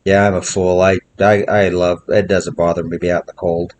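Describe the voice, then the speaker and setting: A man with a low, deep voice talks through his training work outdoors in the snow. He speaks plainly and keeps coming back to the same short coaching phrases. Faint wind noise sits behind him. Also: little pitch movement, a little fast, darkish tone. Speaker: horse trainer. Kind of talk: instructional commentary while working a horse.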